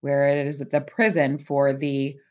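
A woman with a low, deep voice reads a chapter book aloud for her students, leaning into the narrator's jumpy, wry asides. The sound is a bit dull and lo-fi, like a modest home recording. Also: little pitch movement, a little slow, darkish tone. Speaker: teacher reading aloud. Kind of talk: read-aloud of a novel.

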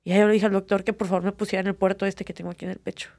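A woman's voice: mid-range voice, level tone, racing, creaky, a little mellow, dry recording, clean studio sound. A young woman with a Mexican accent, an MMA fighter telling her story earnestly in an interview, with many fillers. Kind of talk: candid personal interview.

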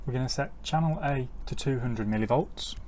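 A middle-aged mechanic gives an informal, step-by-step technical tutorial outside on a driveway. His voice is medium in pitch and darkish, at a normal speed, with clear ambient noise from the outdoor setting.

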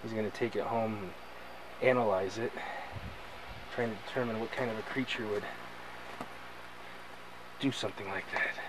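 A man's voice: lowish voice, fairly even intonation, moderate pace, long pauses. Joking man hiking with a camcorder. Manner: playful mock-dramatic asides. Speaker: hiker filming a trail. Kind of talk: jokey handheld hiking commentary. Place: outdoors on a forest trail. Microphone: handheld camcorder mic. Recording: noisy outdoor camcorder audio.

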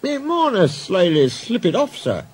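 A man's voice: high-pitched, wildly swooping pitch, unhurried, husky, pitched above the performer's own voice, full character voice. A man voicing cheeky male twin engines with a Scottish accent, sounding sly and innocent.

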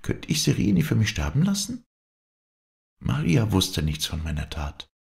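A man voicing a grieving, fervent young noblewoman, his voice pushed far higher into impassioned, pleading cries. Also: measured pace, gravelly, dark tone, exaggerated voice. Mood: anguished.

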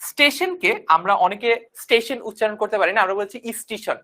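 A woman's voice: medium pitch, animated, fast talker, pushed and bright. A young woman teaching an online class, repeating key points and often checking that students follow. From Bangladesh.

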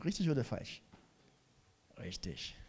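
A man's voice: mid-range voice, very animated, slow, breathy edge. A middle-aged man preaching a sermon, driving points home with repetition and questions to the congregation. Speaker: pastor.

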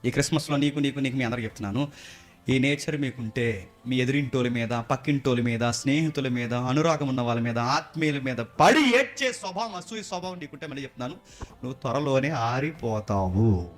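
A man pastor preaching a sermon, asking rhetorical questions and repeating warnings as his voice climbs to high, emphatic peaks. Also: lively intonation, fairly quick.

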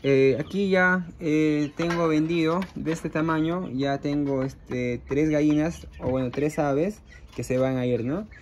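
Hens and roosters cluck faintly as a man at his chicken coop chats to viewers like friends, explaining his small poultry project with frequent fillers. He speaks a little high at a measured pace, hardly pausing, with slight background noise.

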